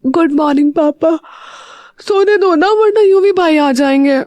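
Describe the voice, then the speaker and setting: A woman's voice: medium pitch, very animated, takes it slowly, no echo. A woman voicing a spirited young woman who sulks and whines playfully at her family. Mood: sleepy whine. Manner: girlish pouting whine.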